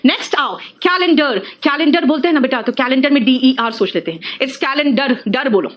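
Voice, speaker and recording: Woman, high voice, classroom teacher, Hindi-English mix, quizzing students. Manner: addresses students as beta, mixes Hindi and English; lively, quizzing students with quick questions. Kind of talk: classroom spelling lesson.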